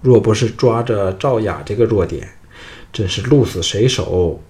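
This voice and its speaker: A man's voice: lowish voice, measured pace, a little mellow. A man voicing a scheming, cruel male noble villain in an audiobook, with a cold, gloating, menacing delivery. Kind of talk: audiobook character voice.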